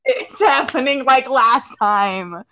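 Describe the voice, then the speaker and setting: A woman's voice: high voice, noisy background. A woman talking in a bossy, exasperated way while running an improv call with friends. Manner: bossy, exasperated, fast and overlapping. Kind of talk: improv comedy over a call.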